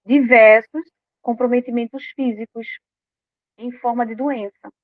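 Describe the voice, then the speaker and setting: A woman giving an informal talk on emotional health to a live audience, animated and acting out quoted inner voices. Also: on the high side, measured pace, no room sound. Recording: dry, tinny phone-like sound.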